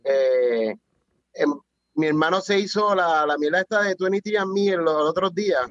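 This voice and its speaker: Young male guest from Puerto Rico, relaxed and hesitant, slightly high, dry and dull-sounding recording. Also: normal speed, no echo. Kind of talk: casual chat.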